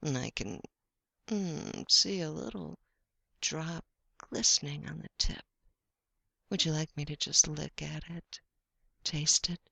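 A young woman speaking in a slow, teasing, intimate way, her voice crackling with deep vocal fry. Her tone is bright and forward despite the hush, and she slips into soft whispers at times. The recording is dry and close, with no room around it. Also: no echo.

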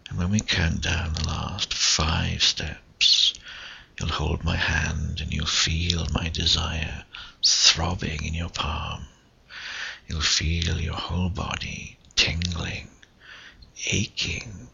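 A man speaking in a breathy, intimate whisper right in the listener's ear, coaxing and hypnotic, in the style of sensual relaxation audio. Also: fairly even intonation, pushed and bright, lo-fi sound. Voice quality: breathy, husky, gravelly low voice. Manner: slow, coaxing, hypnotic delivery with short phrases.

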